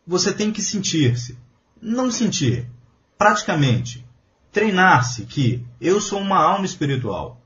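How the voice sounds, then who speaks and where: In this voice-over, a man reads a translated spiritual lecture aloud, preaching in an earnest, emphatic way. His voice sits on the high side, and the audio sounds dull.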